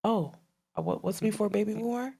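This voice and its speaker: A woman's voice: medium pitch, a little fast, slightly rough. A woman in her thirties co-hosting a casual podcast chat, telling stories and acting out the voices she quotes. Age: 30s. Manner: animated storyteller, acts out quoted voices. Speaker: podcast co-host.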